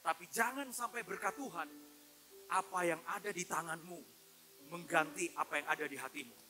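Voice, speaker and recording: A man preaching a sermon as a pastor, animated, calling out to his listeners and acting out voices in his stories. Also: on the high side, moderate pace, soft background music. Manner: animated, addresses listeners as "Pak" and "saudara"; acts out his son's and God's voices.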